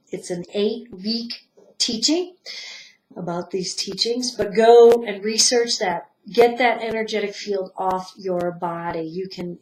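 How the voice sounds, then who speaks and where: A woman giving a spiritual teaching talk, guiding her listeners softly, her voice swelling and then dropping to a hush. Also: mid-range voice. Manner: soft-spoken guidance that swells and drops to a hush. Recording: roomy echo.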